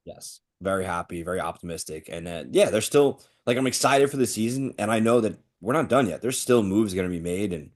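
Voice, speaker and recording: A man's voice: on the low side, fairly quick, few pauses. A man co-hosting a casual sports podcast, talking eagerly and upbeat. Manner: eager and upbeat, rising excitedly. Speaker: podcast co-host.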